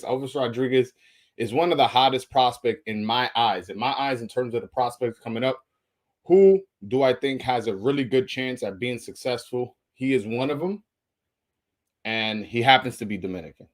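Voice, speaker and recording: A man's voice: mid-range voice, moderate pace. A man hosting a casual boxing interview livestream, talking loosely with frequent repeats and restarts.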